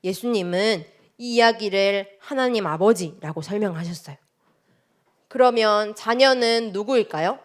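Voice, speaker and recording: A woman's voice: mid-range voice, a little slow. Woman preaching to children. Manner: storytelling, asks children many questions. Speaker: children's ministry teacher. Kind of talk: children's sermon.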